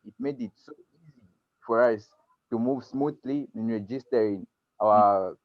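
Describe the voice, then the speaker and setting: A nineteen-year-old man from Zambia, speaking haltingly and earnestly as a student guest on a video call. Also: fairly low pitch, no echo. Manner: halting, earnest, many restarts. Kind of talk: video call introduction and talk. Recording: dry, dull lo-fi call audio.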